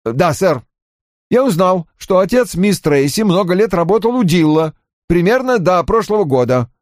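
A high, lilting voice belongs to a fussy young male assistant who reports every detail at length in stiff, formal phrasing, as a man puts him on. The storybook delivery swings up and down. It is recorded close and dry, with no room sound. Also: animated, moderate pace, a little mellow, no echo. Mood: earnest. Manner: long-winded, over-formal reporting. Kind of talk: audiobook character voice.

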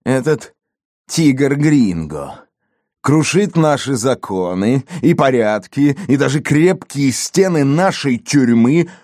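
A man's voice: mid-range voice, animated, takes it slowly, a little mellow, dry recording, studio quality. A man voicing a pompous, hot-tempered male police chief in a storybook reading. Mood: sarcastic. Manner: indignant, blustering.

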